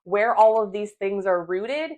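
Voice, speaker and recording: A young adult woman from the United States, a philosophy professor explaining clearly and asking many rhetorical questions to camera. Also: medium pitch, expressive, a little slow, a little mellow, lo-fi sound. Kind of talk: scripted lecture to camera.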